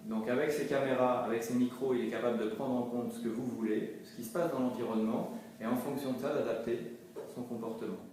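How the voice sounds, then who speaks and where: A man's voice: mid-range voice, steady tone, brisk. Man explaining in a very echoey room. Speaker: robotics company representative. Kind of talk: explanatory interview talk. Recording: very echoey room, distant mic, faint noise.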